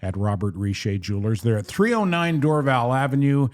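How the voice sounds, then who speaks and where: A man's voice: medium pitch, a little fast. A man co-hosting a podcast, doing a folksy, easygoing live sponsor read. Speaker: podcast co-host. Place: podcast studio.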